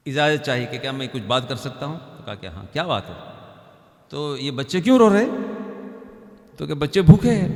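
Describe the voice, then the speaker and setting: Male preacher, earnest storytelling sermon, slightly high voice, long hall reverb. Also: a bit bright. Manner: earnest, repetitive, questioning. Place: large hall.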